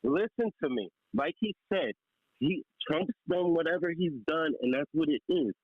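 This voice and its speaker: A man's voice: fairly high pitch, animated, moderate pace, phone-quality sound. A man in a heated political debate, profane and combative, with a sarcastic edge.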